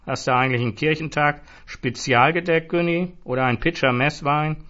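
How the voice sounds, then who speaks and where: A man's voice: normal speed, a bit bright, highs cut off, lightly acted. A man voicing a drunk, tearful male pub regular who whines and rants. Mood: mocking. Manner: whiny, pleading, then shrill and ranting.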